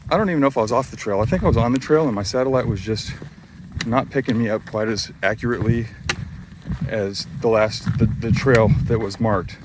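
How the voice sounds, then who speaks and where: Hiking alone on a forest trail, a middle-aged man chats casually to the camera with a mid-range voice and a brisk pace. He rambles and makes fun of himself, with outdoor noise in the background.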